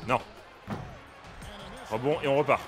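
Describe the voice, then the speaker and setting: A young man playing a basketball video game, giving excitable, casual commentary, often shouting at the action and laughing. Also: medium pitch, measured pace, music in the background. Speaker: gaming streamer.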